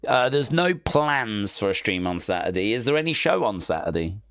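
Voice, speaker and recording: A man's voice: lowish voice, very animated, normal speed, a bit bright, dry recording. A man co-hosting a wrestling podcast, chatting casually and hesitantly, often trailing off with "I don't know.". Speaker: podcast co-host. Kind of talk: casual chat.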